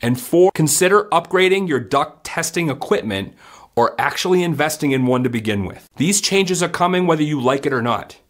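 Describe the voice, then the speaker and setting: An HVAC educator in his forties hosts a scripted explainer vlog to camera from an indoor home studio. His voice is a little high and expressive at a moderate pace, and his delivery is upbeat, punchy and emphatic, with hand gestures.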